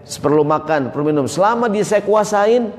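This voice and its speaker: A man preaching a sermon in a mosque, lively and joking, often asking the audience questions. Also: high voice, moderate pace. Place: large mosque hall. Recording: echoey mosque hall.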